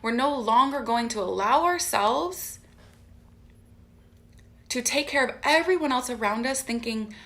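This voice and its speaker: A woman's voice: on the high side, lively intonation, unhurried, long pauses, fairly bright tone. A woman hosting a live stream as a coach, giving an impassioned motivational talk and stacking repeated phrases for emphasis. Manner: impassioned, emphatic, keeps checking in with "right?".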